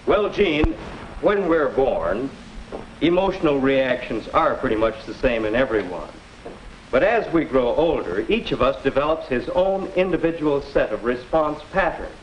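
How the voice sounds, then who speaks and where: A patient, measured teacher, played by a man from a 1950s classroom film. His lively, rising and falling voice walks students through each point. The sound is muffled and carries a faint hiss. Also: medium pitch, lightly acted. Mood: explaining. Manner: calm, measured explaining. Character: patient male teacher explaining emotions to students. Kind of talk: 1950s educational film acting.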